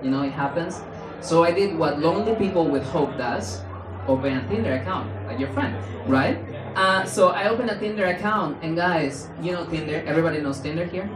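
A young Spanish man with a Spanish accent does a playful stand-up set in a small club with a handheld mic, talking a little fast and jumping into high mock voices for quotes. His animated delivery is captured from afar in roomy club sound, with background noise and audience laughter.

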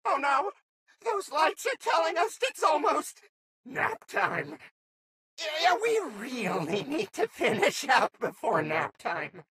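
Manic sun jester animatronic, male, game role: high, wildly swooping, bubbly, theatrical daycare attendant. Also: sing-song, slow pace, pushed and bright, full character voice. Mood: anxious. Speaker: game character voice actor. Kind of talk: animated video game character acting.

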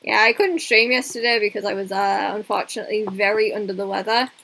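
A woman's voice: medium pitch, quick pace, gravelly, fairly bright tone, low-quality recording. A young woman streaming a game, chatting casually and rambling in a self-mocking way to her viewers. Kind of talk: casual live-stream chat while gaming.

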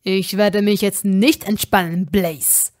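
A woman's voice: medium pitch, expressive, slow, no echo, studio quality, voice pushed down. A woman voicing an irritable young male wizard who hisses and snaps in a storybook reading. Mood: furious. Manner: growling, hissing, curt.

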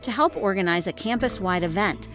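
A woman reporter giving scripted news narration in a measured, clear way. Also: mid-range voice, animated, over music.

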